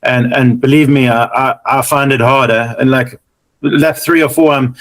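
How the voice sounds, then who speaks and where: A man's voice: medium pitch, fairly even intonation, normal speed, a bit bright, poor audio. A man hosting a casual podcast interview, chatty and agreeable with his guest. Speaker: podcast host.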